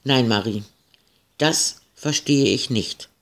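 A man's voice: mid-range voice, slow pace. A man voicing a stern but caring housemaid woman who scolds firmly. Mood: scolding. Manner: scolding, firm.

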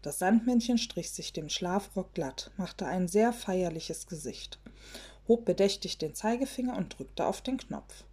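A woman reading a children's fairy tale aloud in a gentle storybook manner, sometimes dropping to a hush. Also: on the low side, expressive, unhurried, breathy edge.

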